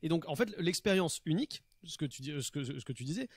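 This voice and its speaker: A man's voice: a little high, lively intonation, fast talker, husky, no echo. A man co-hosting a casual stream chat, rambling and jokey, often tripping over his words. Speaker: stream co-host.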